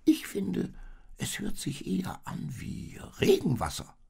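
A man voicing a contrary storybook sheep, high, insistent, loud. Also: huge pitch swings, unhurried, gravelly, slightly rough, whispered, heavily acted. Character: contrary, matter-of-fact sheep.

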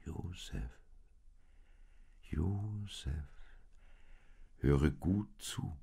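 A man narrating a storybook in an expressive, dramatic reading. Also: low-pitched, creaky, husky.

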